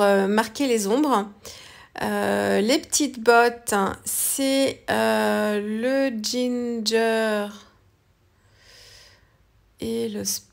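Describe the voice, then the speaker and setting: A woman's voice: on the high side, gravelly. A woman talking through a coloring tutorial in a casual, hesitant way, with many fillers and self-corrections. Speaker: craft tutorial host. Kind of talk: casual voice-over art tutorial.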